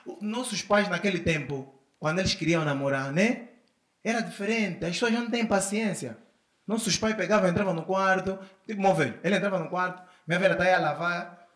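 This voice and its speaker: A man's voice: high voice, brisk, fairly bright tone, roomy sound. A man with an Angolan Portuguese accent doing stand-up comedy on a festival stage, telling family stories and acting out his son and wife in shifting voices.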